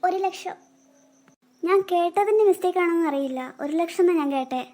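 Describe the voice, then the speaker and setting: A woman's voice: extremely high pitch, fairly quick, warm tone. A woman voicing a worried little girl in a cartoon who has lost money, tearful and anxious. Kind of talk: cartoon voice acting.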